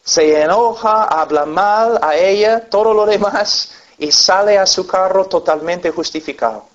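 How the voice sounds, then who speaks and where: A man's voice: sits high, measured pace. A man preaching a sermon to a congregation, telling stories earnestly and acting out the people in them, on a dull lo-fi recording. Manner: earnest storytelling with acted-out voices.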